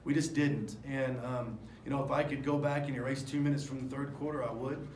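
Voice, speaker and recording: A man's voice: medium pitch, steady tone, fairly quick, darkish tone. A man in his forties, a head basketball coach at a postgame press conference, talking candidly and rambling through fillers and restarts into table microphones. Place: press room in front of a sponsor backdrop. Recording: echoey room with faint noise.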